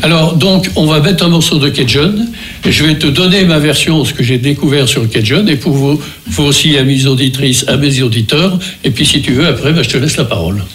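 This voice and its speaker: An older man with a Beaujolais accent hosts a local radio music show. His voice sits a bit high, and he talks in a meandering way, stopping and starting again often. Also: a little fast, fairly bright tone, a little hiss or hum. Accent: French from Beaujolais. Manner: rambling, hesitant, many restarts and fillers. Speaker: radio host.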